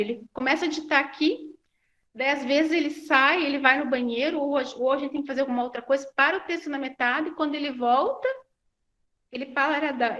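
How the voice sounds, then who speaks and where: Woman speaker for a support group, slightly high voice, hesitant delivery, muffled recording. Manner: hesitant, many restarts and fillers. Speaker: guest speaker.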